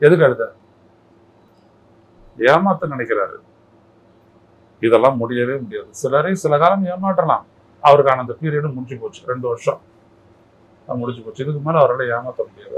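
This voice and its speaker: A man's voice: medium pitch, rough recording. A man talking as a political commentator in a heated interview, combative and mocking, firing off rhetorical questions. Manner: mocking, scolding tone.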